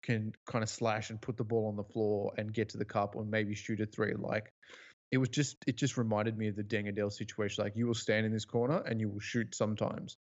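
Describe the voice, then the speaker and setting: Opinionated male co-host, slightly low voice, muffled lo-fi mic. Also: level tone, a little fast. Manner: blunt, opinionated. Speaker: podcast co-host. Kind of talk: casual sports chat.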